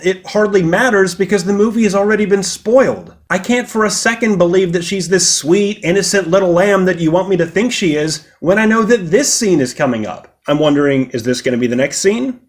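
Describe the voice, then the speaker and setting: A man delivering a sarcastic, mocking film critique as a video essayist. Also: high-pitched.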